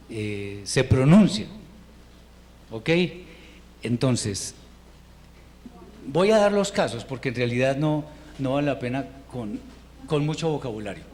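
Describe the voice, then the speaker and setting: A man's voice: medium pitch, darkish tone. Patient male Hebrew teacher, faint hiss. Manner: patient, explains step by step with pauses and restarts. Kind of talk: informal language lesson. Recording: faint background noise.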